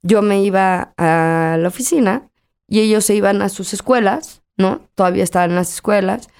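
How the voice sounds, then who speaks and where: A woman's voice: medium pitch, moderate pace, darkish tone, clean tone. Candid Mexican woman, middle-aged. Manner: emotional, tells her story by acting out dialogue. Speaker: interview guest. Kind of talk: candid personal interview.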